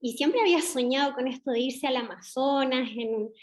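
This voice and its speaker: A middle-aged woman with a Chilean accent, a doctor speaking as guest in an interview, measured and reflective with pauses. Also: sits high. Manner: measured, reflective, frequent hesitations. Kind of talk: conversational interview.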